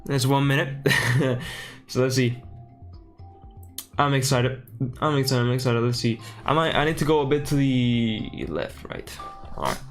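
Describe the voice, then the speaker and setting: Male streamer, loose live chat, narrates his own fiddling with settings, mid-pitched, faint music underneath. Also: measured pace. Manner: chatty, thinks aloud while fixing settings. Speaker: streamer reacting to a livestream.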